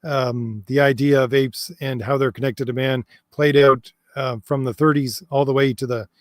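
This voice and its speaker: With a steady tone and moderate pace, this mid-range voice belongs to a host reading viewer comments aloud on a long, casual livestream. He's halting, restarting often and filling pauses, and notes his voice is giving out. The studio-quality recording has no echo.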